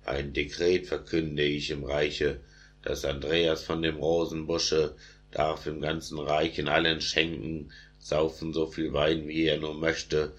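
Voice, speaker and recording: Man reading a stern, very deep tsar. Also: flat delivery, slow pace, a bit bright, exaggerated voice. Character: great orthodox tsar, stern older man.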